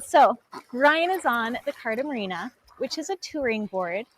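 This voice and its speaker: A young adult woman co-hosting a casual live stream from a dock on a lake, chatty and quick to laugh. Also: on the high side, lively intonation. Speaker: co-host presenting paddleboards. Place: outdoors on a floating dock on a lake.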